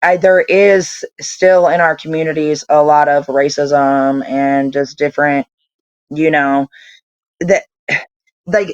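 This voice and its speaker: A woman in her forties, the founder of a nonprofit, is a guest in a casual interview and rambles along with plenty of fillers. Her voice is low-pitched, and the recording is muffled with no echo.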